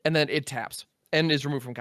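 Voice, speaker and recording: Smooth, methodical card-game man. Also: a little high, steady tone, a little fast, a bit bright, dry recording, clean studio sound. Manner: methodical, counts aloud, sound-effect interjections. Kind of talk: casual play-by-play of his own turn.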